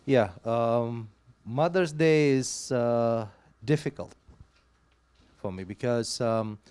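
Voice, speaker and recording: A man at a church service sharing a personal testimony into a handheld microphone, hesitant with many pauses and fillers. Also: medium pitch, a little mellow, smooth. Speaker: church member giving testimony.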